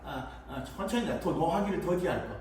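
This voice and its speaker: Guy preaching to kids, quick and bouncy, acts stuff out, mic far off in an echoey room. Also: a little high, animated, darkish tone. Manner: playful, acts out little scenes. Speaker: children's preacher. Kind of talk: children's sermon. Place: church hall.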